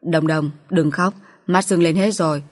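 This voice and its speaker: A woman voicing a kind, protective young uncle in an audiobook, speaking softly and soothingly. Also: low-pitched, fairly even intonation, moderate pace, no room sound. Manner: soft, soothing.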